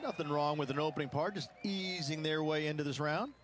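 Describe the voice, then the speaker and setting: A man's voice: a little high, fairly quick, natural voice. A man playing a golf commentator, giving conversational expert analysis in a video game broadcast. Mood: assured. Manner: conversational, explanatory. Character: knowledgeable male golf booth analyst. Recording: faint background noise.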